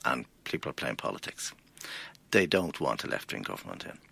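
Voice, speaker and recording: A man's voice: extremely low pitch, big pitch swings, fairly quick, creaky, pushed and bright, breathy edge. An Irish man, a financial planner guest, arguing his points emphatically with rhetorical questions in a studio interview.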